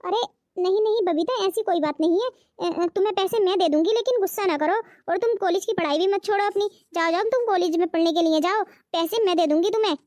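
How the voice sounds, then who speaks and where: A gentle, reassuring young cartoon wife, voiced by a woman who offers to help. She speaks in a very high voice with a dry, close sound. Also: a little fast, no echo. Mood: soothing. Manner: soothing, reassuring. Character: kind young sister-in-law, soothing. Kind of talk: cartoon voice acting.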